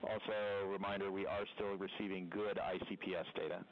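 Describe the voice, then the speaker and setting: Male capcom over a muffled space radio link, lowish voice, clipped procedural calls. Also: little pitch movement. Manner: measured, procedural call-and-check delivery. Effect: thin radio transmission over a space comm link. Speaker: mission control capsule communicator.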